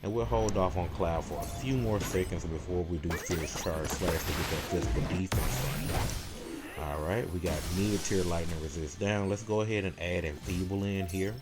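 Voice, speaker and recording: Deep and low-pitched, this man narrates gameplay as a guide creator, casually calling out each move step by step at a moderate pace. Loud game music plays prominently behind his live walkthrough commentary.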